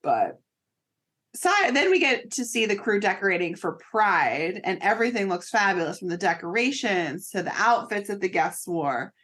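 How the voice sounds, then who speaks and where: A woman's voice: very animated, normal speed, a bit bright. A woman co-hosting a podcast, recapping a reality show in casual chat and laughing often as she acts out quotes. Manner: giggly, acts out quotes in high voices. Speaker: podcast co-host.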